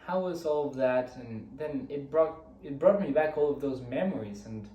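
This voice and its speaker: A man's voice: mid-range voice, animated, normal speed, warm tone, lo-fi sound. Young man, chatty, roomy. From Costa Rica. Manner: chatty, rambling storytelling with many restarts. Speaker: vlogger. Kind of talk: casual weekly recap monologue. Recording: roomy, from a distance.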